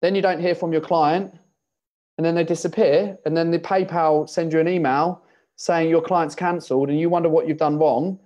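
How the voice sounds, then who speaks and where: A man, an online fitness coach, giving casual coaching advice in an interview, telling animated stories, swearing freely and acting out conversations with clients. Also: fairly high pitch, normal speed, highs cut off.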